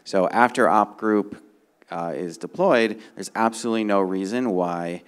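A middle-aged software developer sits on a conference panel, speaking into a handheld microphone on a conference room stage before a seated audience. His voice is lowish, clean and a little slow as he explains technical matters informally, often checking in with "right?"

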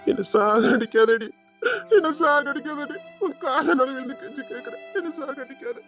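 A woman's voice: high voice, fast talker, fairly bright tone, soft background music. A woman playing a desperate, pleading young man. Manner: pleading, crying. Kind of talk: audio drama acting.

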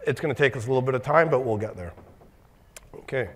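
A man speaking at a tech conference, measured and careful, with hesitant restarts. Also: medium pitch, in a large hall. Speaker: conference presenter. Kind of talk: conference talk.

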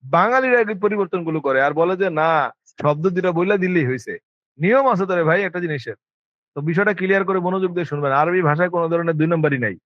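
A man's voice: sits high, fast talker, no room sound. A man with a Bangladeshi Bengali accent giving an informal lecture on Arabic to students, emphatic and full of rhetorical questions. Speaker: Arabic language teacher. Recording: dull lo-fi dry sound.

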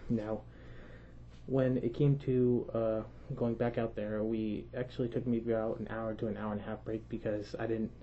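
A man's voice: on the low side, flat delivery, normal speed. A young man telling a story to camera as a vlogger, his voice muffled through a costume head, chatty and rambling with restarts. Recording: slightly dull lo-fi sound with faint noise.

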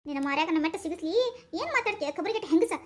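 A stern village matron , voiced by a woman scolds loudly and gruffly with a North Karnataka Kannada accent. She talks quickly and stays high despite the gruffness. It is a rustic comedy skit. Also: animated. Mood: scolding.

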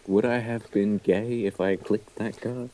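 A man playing an online card game with friends, reading his cards in a slow, reluctant, low-key way. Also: fairly even intonation, warm tone, poor audio. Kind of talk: casual online game chat.

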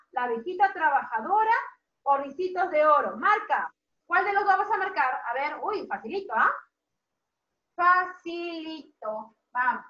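A woman, a preschool teacher telling a story and coaching young children with animated, coaxing intonation. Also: high-pitched. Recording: echoey room, dull lo-fi.

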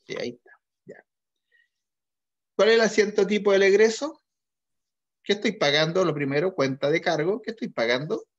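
A male teacher works through an accounting exercise, asking questions and confirming answers in a methodical, patient way. His voice sits slightly high for a man. The recording is dull and lo-fi. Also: expressive, normal speed, pauses often. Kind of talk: online class lecture.

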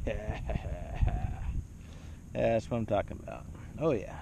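A man's voice: fairly low pitch, slow, gravelly. Man narrating from a kayak, joking. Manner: relaxed, joking banter. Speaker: fishing vlog host. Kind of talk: casual vlog narration. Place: outdoors on a kayak on a bay. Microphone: action camera. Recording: wind and water noise outdoors.

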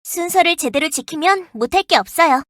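A voice actress playing a young, earnest and protective firefighter in a game, polite and gentle, snapping into crisp radio-style reports. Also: female voice, very high-pitched, lively intonation, a little fast, dry recording, clean studio sound. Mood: calm, gentle. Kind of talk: game character voice lines. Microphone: dry studio mic.

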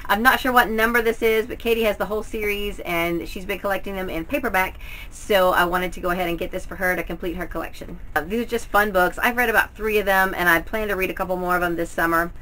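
Casting: middle-aged woman, bright forward voice, mid pitch, chatty home vlogger. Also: fast. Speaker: book haul vlogger. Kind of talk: casual, chatty book review to camera. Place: indoors at home, in front of bookshelves.

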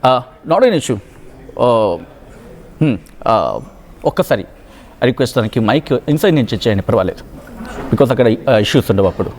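A man's voice: mid-range voice, very animated, moderate pace, long pauses, a little mellow. A man working as a TV anchor, speaking in an earnest, emphatic and consoling way as he presents the story and questions his guest. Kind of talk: emotional news presentation and interview.

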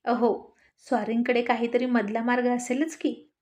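A woman's voice: on the high side, normal speed, a bit bright, close to an everyday voice. A woman storyteller voicing a shy, giggly young wife who scolds her husband playfully. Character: laughing, bashful young wife.

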